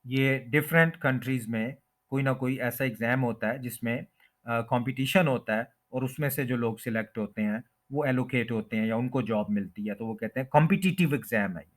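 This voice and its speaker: A man teaching English word pronunciation, who repeats each word slowly and draws out the stressed syllable. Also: mid-range voice. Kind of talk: pronunciation lesson explained in Hindi-Urdu.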